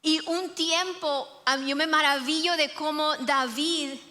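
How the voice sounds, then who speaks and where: A woman's voice: high-pitched, steady tone, unhurried, bright, forceful tone. A woman preacher giving a sermon, telling the story with animation and speaking directly to the congregation. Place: church sanctuary. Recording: reverberant church hall.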